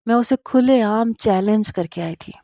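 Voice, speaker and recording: A woman narrating a first-person story in a steady, confiding way. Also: fairly high pitch, no room sound, studio quality.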